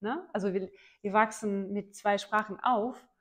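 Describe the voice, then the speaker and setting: A woman's voice: medium pitch, fairly even intonation, unhurried, a bit bright. A woman in her thirties from Ukraine, speaking with a Ukrainian accent and giving a history talk in a small room, hesitant, with many filler sounds and restarts. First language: Ukrainian and Russian. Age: 30s. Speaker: lecturer. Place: small indoor lecture room. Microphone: far camera.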